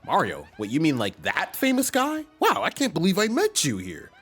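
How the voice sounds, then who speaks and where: A man's voice: fairly high pitch, normal speed, slightly rough, faint music behind, pitched above the performer's own voice, heavily acted. A man doing a bubbly young goomba girl. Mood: excited. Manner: bubbly, excitable. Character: perky young female goomba student.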